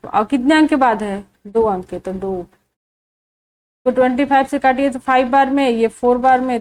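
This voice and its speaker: A woman with a high voice teaches a maths lesson step by step. She keeps asking the viewer questions and then answers them herself. Her delivery is slow and deliberate. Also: darkish tone, rough recording.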